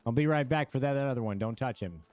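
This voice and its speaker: A man playing a police officer in role-play, brisk and commanding, with swearing. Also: medium pitch, darkish tone, soft background music.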